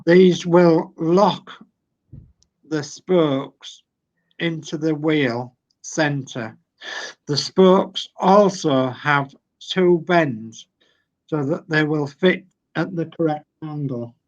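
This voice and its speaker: A man's voice: fairly high pitch, muffled recording. An older man with a Yorkshire accent, patiently talking through model-building steps and reading instructions aloud on a video call. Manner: slow, patient, reads instructions aloud step by step.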